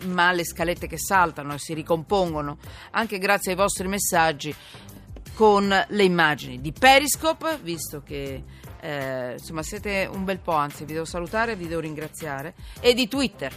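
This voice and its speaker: Faint music plays behind a woman with a lowish, expressive, slightly bright voice at normal speed, hosting live current affairs radio from a studio. She talks informally and emphatically, digressing and repeating points into a studio broadcast microphone.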